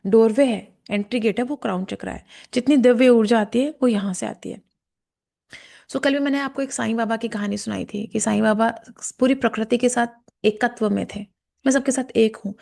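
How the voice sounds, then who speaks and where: A woman teaching a guided meditation, explaining chakras in a calm, slow way and softly chanting devotional verses, sometimes in a whisper. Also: fairly high pitch, vocal fry. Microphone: camera and mic in front of her.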